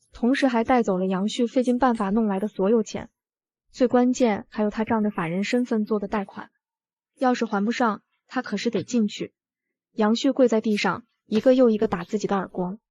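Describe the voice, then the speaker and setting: A woman narrating a short drama in the first person, telling the story at a steady pace. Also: fairly high pitch, no echo. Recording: dull lo-fi audio.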